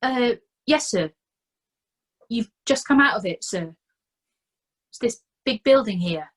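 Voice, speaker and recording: A jumpy young constable, timid and flustered, his voice pitched up and breathy, as a woman reader puts him on. He answers as if afraid of trouble. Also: lively intonation, slow pace. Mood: nervous. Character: nervous young male constable.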